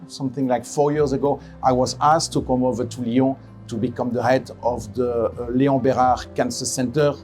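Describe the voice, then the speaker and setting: A middle-aged man from Belgium, a head of radiation oncology giving a measured interview, often correcting himself and stressing key words. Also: mid-range voice, a little mellow. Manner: measured, self-correcting, emphatic. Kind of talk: interview testimonial.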